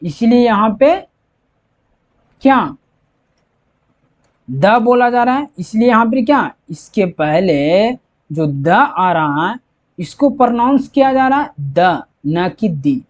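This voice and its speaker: A very animated English teacher with a medium-pitched voice takes it slowly, leaving long pauses while explaining grammar step by step. They repeat each point and answer their own questions, and the lo-fi recording sounds dull.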